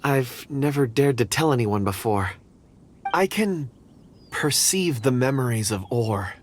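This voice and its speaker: An actor playing a gentle, shy young man who speaks politely and stumbles over his words. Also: medium pitch, animated, unhurried, slight background noise, lightly acted. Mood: hesitant. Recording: game soundtrack faint behind.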